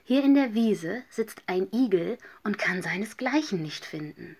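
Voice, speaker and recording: A woman's voice: medium pitch, animated, measured pace, darkish tone, husky. A woman voicing a kind-hearted ordinary hedgehog in a children's story, sighing and concerned. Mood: urgent.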